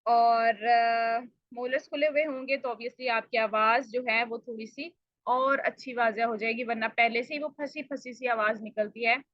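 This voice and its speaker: A woman teaching a recitation lesson, explaining patiently and repeating each sound slowly to demonstrate it, with polite address. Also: fairly high pitch, fairly even intonation, no echo, dull audio. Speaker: tajweed teacher. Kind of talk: recorded pronunciation lesson.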